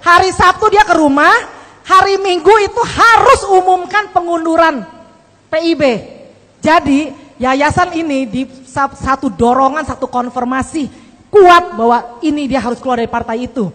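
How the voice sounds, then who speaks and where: A woman giving a lively sermon testimony to a congregation, acting out the voices in her story. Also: high-pitched, normal speed, a little hiss or hum. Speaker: church speaker giving testimony. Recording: long hall reverb.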